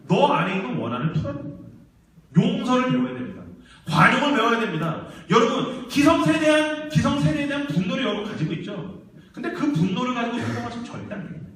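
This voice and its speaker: A man's voice: very high voice, slight background noise. A man preaching a sermon to young adults in a large church hall, telling stories vividly and acting out the voices of the people in them. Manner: lively storytelling, acting out quoted voices. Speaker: church ministry staff preacher. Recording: very echoey church hall, mic far off.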